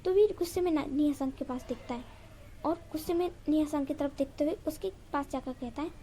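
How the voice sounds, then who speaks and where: A woman's voice: sits high, brisk, dark tone, a little hiss or hum. A woman casually retelling a fan story, chatty and linking each event with "so". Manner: chatty, strings events together with "so".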